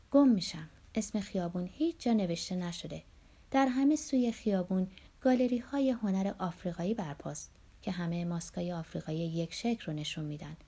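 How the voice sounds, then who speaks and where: A woman's voice: lowish voice, dark tone, breathy edge. A woman narrating an audiobook in the first person with wry, dry irony. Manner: wry, dryly ironic first-person storytelling.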